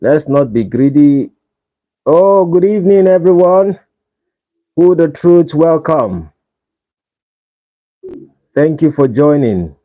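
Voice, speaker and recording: A Nigerian man with a fairly high, animated voice hosts a casual livestream, speaking slowly with frequent pauses as he pleads with viewers for likes. The audio is dull and lo-fi.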